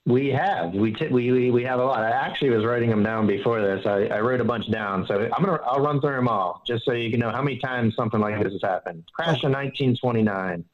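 A man giving calm financial advice in an interview, explaining with analogies and often restarting his sentences. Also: medium pitch, quick pace, few pauses. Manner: earnest and explanatory, fond of analogies, many restarts. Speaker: financial advisor guest. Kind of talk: casual interview. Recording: dull, slightly lo-fi audio.

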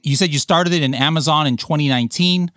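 A man's voice: fairly high pitch, fast talker, sharp tone, no echo, clean studio sound. A man hosting a podcast, chatty and upbeat, joking about himself with many fillers. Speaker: podcast host. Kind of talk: casual interview chat.

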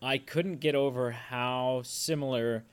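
A man's voice: medium pitch, fairly even intonation, a little slow, smooth. A man co-hosting a casual podcast, chatting about a film in a loose, filler-heavy way. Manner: chatty, tangent-prone, lots of fillers. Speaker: podcast co-host. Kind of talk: casual movie review chat.

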